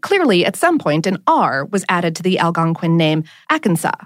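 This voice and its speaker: A woman's voice: lowish voice, very animated, moderate pace, dry recording. A woman hosting a podcast, reading a scripted explainer in a wry, playful storytelling manner with a studio microphone. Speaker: podcast host.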